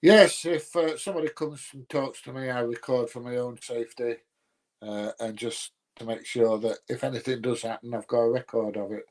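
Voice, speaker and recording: Steady in tone and moderate in pace, his medium-pitched voice is a little mellow. This livestream host comes from Nottinghamshire, England, sounds almost Yorkshire, and chats casually with viewers' comments, blunt and colloquial with grumbling dry humour.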